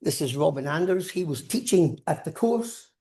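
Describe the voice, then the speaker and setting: Delivering a casual academic science lecture, this older professor with a Scottish accent drifts into anecdotes and repeats words along the way. He sounds animated, a little high and dark, at a moderate pace, in echoing lecture acoustics.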